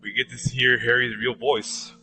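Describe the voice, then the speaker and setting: A man chatting casually as he co-streams a game, with a raspy voice. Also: medium pitch, little pitch movement, moderate pace, bright, forceful tone, poor audio. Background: music.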